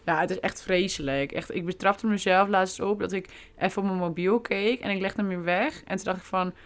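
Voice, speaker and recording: A woman's voice: medium pitch, brisk. A woman in her twenties hosting a casual podcast, talking in a blunt, frank and joking way. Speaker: podcast host.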